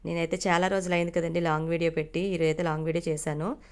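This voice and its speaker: A woman's voice: on the low side, level tone, rapid-fire, darkish tone, smooth. A woman hosting her cooking channel, casually narrating a recipe step by step in a friendly, polite way.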